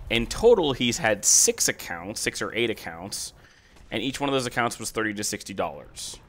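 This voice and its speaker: A man with a raspy voice giving casual, rambling video commentary, often hesitating and backtracking mid-sentence. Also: lowish voice, fairly bright tone, a little hiss or hum. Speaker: gaming video host.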